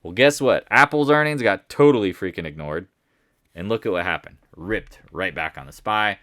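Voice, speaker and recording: A man with a lowish voice talks through his market charts in a loose, chatty way. He jokes, trips over his words and backtracks often. The sound is dry and close, with no room around it. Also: moderate pace, bright, forceful tone, dry recording. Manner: rambling, self-correcting, jokey. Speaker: market commentator. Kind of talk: casual market recap.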